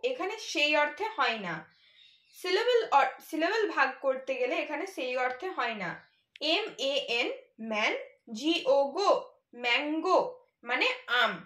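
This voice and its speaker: Female teacher, high bright voice, patient letter-by-letter spelling, echoey room. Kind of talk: children's English lesson.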